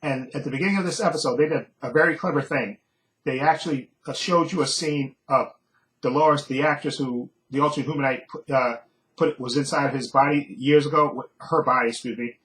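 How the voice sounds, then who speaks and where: A man's voice: medium pitch, fairly bright tone, poor audio. Rambling man recapping a TV episode. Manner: rambling, with many fillers and frequent chuckles. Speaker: TV show reviewer. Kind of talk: casual spoken episode recap.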